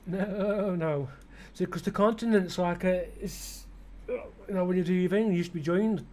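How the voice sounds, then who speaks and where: This gaming video creator, a British man, talks his way through a flight sim in a rambling, self-questioning style, breaking off sentences to start again and adding blunt, slightly irreverent remarks. He speaks at a normal speed in a high-pitched voice with a darkish tone.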